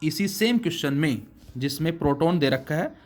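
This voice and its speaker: Slow, patient male physics teacher. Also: on the high side, animated, faint music behind. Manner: explains slowly, addresses students as children. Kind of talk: classroom lesson.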